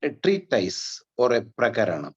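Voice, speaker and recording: A man, giving an online Vedanta lesson in a measured explanatory way, with chanted Sanskrit prayers. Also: medium pitch, wildly swooping pitch, husky, lo-fi sound. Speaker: Vedanta teacher. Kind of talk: online class lecture.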